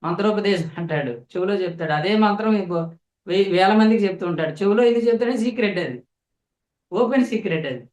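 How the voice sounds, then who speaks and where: A male spiritual teacher gives a discourse in a slightly high, darkish voice, speaking directly to his listeners. He explains slowly, repeating phrases to press each point home, and the room adds a noticeable echo.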